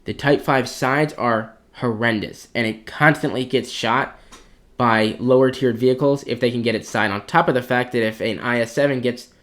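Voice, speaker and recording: A man's voice: mid-range voice, steady tone, normal speed, fairly bright tone. A man giving blunt, opinionated commentary as he ranks tanks for competitive play, thinking aloud as he goes. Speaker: clan commander ranking tanks. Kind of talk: casual gaming commentary.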